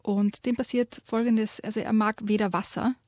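A woman co-hosting a radio show, lively retelling and reading aloud a children's story, giving quoted lines their own voice. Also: mid-range voice, moderate pace, no echo, studio quality. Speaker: radio co-host presenting children's books.

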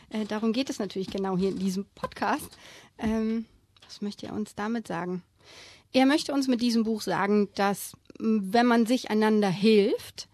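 A woman in a studio podcast talking about children's books and reading from them aloud with animated storytelling. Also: on the high side, no room sound. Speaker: children's book guest. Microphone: close studio mic.

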